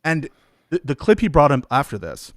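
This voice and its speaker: A man's voice: on the high side, big pitch swings, moderate pace, no echo, clean studio sound. A man hosting a heated debate, arguing and cutting in with repeated requests to wait. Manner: interrupts with repeated "wait", argumentative. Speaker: debate host.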